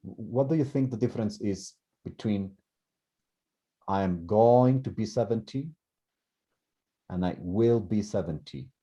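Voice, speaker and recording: Man, language teacher, mellow tone, muffled lo-fi recording, restarts a lot. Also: on the low side, expressive, unhurried, long pauses. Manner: thinks aloud with many repeated words and restarts. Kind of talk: explaining grammar in class.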